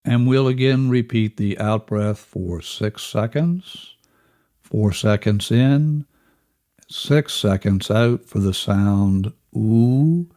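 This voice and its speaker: A man leading a guided breathing lesson as instructor, measured and instructional, counting out each step. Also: on the low side, dark tone. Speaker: relaxation and breathing instructor, host.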